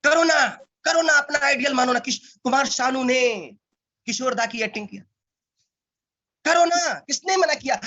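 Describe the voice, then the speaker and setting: A man's voice: sits high, pushed and bright, highs cut off. A man giving an emphatic motivational training talk to a network marketing team. He repeats key words and keeps firing rhetorical questions.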